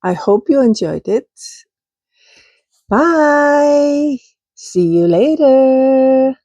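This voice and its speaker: A potter with an Icelandic accent casually shows off her kiln results in a show-and-tell vlog, speaking slowly, searching for words, and using fillers. Her voice is high and animated, with a dark tone and a breathy edge, recorded with no echo but with the highs cut off.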